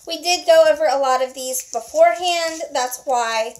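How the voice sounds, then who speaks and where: A woman hosting a home video, briskly reading questions to her husband and steering his answers. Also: sits high. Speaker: vlog host interviewing her husband. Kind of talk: casual home interview. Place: home at night.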